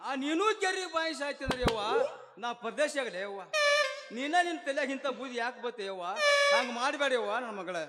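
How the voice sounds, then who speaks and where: A man's voice: very high voice, animated, fairly quick. A man playing a doting pleading father. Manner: pleading, repeats endearments, loud stage delivery. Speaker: stage actor. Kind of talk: live village stage comedy. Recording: live stage with loud music.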